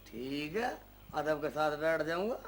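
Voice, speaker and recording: A man's voice: lively intonation, a little slow. A man playing a foolish, literal-minded young son-in-law in a comedy film, with a cheeky manner. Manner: squeaky, cheeky, takes every word literally. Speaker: comic lead.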